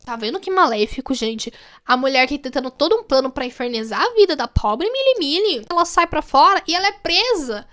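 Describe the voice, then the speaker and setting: A woman with a Brazilian accent recapping a film in a casual vlog, telling it in an animated, slangy, wry way. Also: high-pitched, brisk. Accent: Brazilian Portuguese. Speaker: film reviewer.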